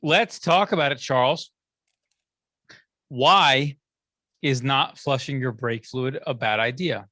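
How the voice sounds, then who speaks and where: A man's voice: medium pitch, slow pace, long pauses, pushed and bright, no room sound, clean studio sound. A middle-aged man co-hosting a casual podcast chat, talking in a loose, rambling way with frequent restarts. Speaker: podcast co-host.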